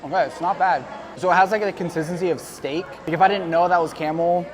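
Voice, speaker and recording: A man casually reviewing food like a vlogger, giving measured, slightly halting judgments in an informal way. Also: sits high, steady tone, music in the background. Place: outdoors at a theme park. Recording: outdoor vlog amid crowd noise. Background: crowd noise.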